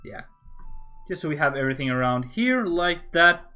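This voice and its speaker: A man's voice: fairly high pitch, expressive, normal speed, pushed and bright. A man from Norway with a Norwegian accent, casually talking to himself and joking with viewers as he builds in a game. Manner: rambling, self-talking while building, joking. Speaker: Minecraft builder streaming. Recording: faint background music.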